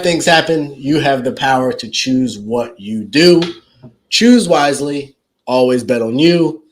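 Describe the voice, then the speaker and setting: A young man co-hosting a casual couple's podcast, joking and teasing as he talks. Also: medium pitch. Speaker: podcast co-host.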